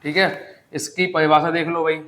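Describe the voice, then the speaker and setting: Repetitive teacher, a fairly high man's voice. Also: flat delivery, normal speed, a bit bright. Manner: repetitive, drilling teacher, asks and answers his own questions. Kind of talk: exam-prep grammar lesson.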